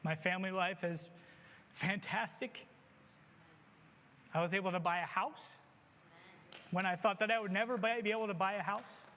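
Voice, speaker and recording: A man's voice: sits high, fairly even intonation, normal speed, pauses often, bright, forceful tone, big-room sound, slight background noise. A man giving an earnest, confessional testimony in a church sermon, urging his listeners on.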